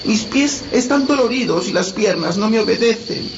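A man's voice: sits high, lively intonation, normal speed, voice pushed up. A man voicing a frightened, tired little girl in a storybook, small and pleading. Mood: fearful. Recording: dull lo-fi, loud background noise.

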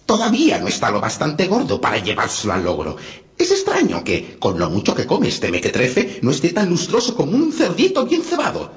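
A man's voice: on the high side, wildly swooping pitch, fairly quick, voice pushed up. A man putting on a cackling wicked witch. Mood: gloating. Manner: cackling, scolding, nearly shrieking at times. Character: cackling wicked old witch, greedy and cruel. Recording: dull lo-fi, loud background noise.

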